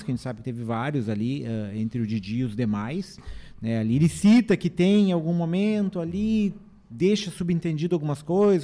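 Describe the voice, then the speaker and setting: A man giving a relaxed, hesitant film review in casual chat. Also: a little high. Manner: easygoing, hesitant, many fillers. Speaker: film critic.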